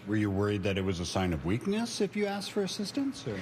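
A male radio host with a very deep voice, which swings widely in pitch as he talks. He narrates a segment, then interviews a guest in a friendly, playful way. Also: huge pitch swings, quick pace, a little mellow, a little hiss or hum.

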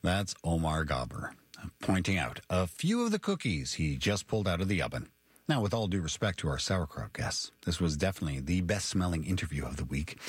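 A male radio host who narrates segments and asks friendly, playful interview questions. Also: low voice.

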